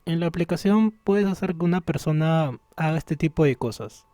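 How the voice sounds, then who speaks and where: A man teaching a recorded online class, explaining patiently and thinking aloud as he works through software, from a room at home near the street. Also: a little high, normal speed, dry recording, studio quality.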